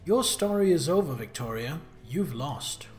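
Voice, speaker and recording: A man's voice: on the high side, expressive, unhurried, faint music behind. A man voicing a wronged young noblewoman leader from a video game, earnest, stern and resolute. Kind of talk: reading video game dialogue aloud.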